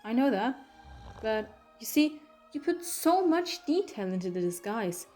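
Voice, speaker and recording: A woman's voice: on the high side, big pitch swings, a little slow, a little mellow, soft background music. The Doctor, a wry, teasing heroine played by a woman. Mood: playful, coaxing. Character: the Doctor, playful, clever, coaxing alien traveller heroine. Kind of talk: fan audio drama acting.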